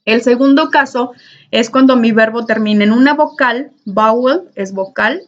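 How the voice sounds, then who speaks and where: A woman's voice: a little high, normal speed. A woman, teaching an online English grammar class in a patient, repetitive way and checking in often. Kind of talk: recorded online class lesson. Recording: dull lo-fi recording.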